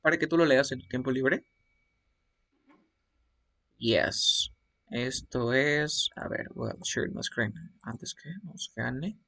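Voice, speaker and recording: A man's voice: mid-range voice, slow pace, gravelly, pauses often, a bit bright. A man whose first language is Spanish, teaching an online English test-prep class over screen share, explaining step by step and often checking in with the student.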